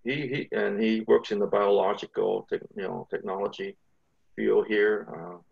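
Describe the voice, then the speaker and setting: A man with a husky, creaky voice, talking haltingly in a casual interview as the guest. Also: lowish voice, little pitch movement, phone-quality sound. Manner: halting, hedging with frequent "you know". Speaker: interview guest, academic dean and church leader.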